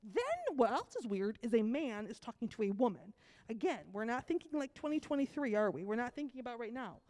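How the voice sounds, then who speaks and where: A woman with a cold giving a children's sermon, telling a story to kids with lively asides and questions. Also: fairly high pitch, brisk. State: has a cold. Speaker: children's message leader.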